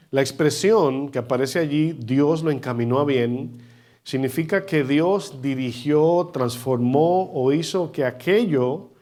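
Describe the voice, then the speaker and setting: Emphatic Spanish-speaking preacher man. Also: medium pitch. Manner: preaching emphatically, questions the congregation directly; loudness swings widely between phrases. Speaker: pastor. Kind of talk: sermon. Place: church service.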